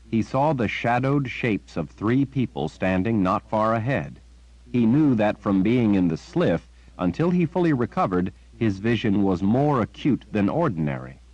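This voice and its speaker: Deep-voiced male audiobook narrator. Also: a little mellow, no room sound, dull audio. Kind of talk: scripted narration.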